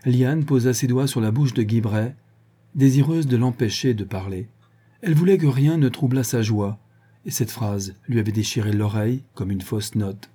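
Dark, husky male audiobook narrator. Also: medium pitch, normal speed. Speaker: audiobook reader. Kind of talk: scripted novel narration.

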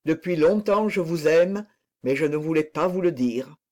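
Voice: mid-range voice, expressive, moderate pace, darkish tone, lightly acted. A reader voicing an impassioned noble lady who declares her love in a fervent, pleading manner.

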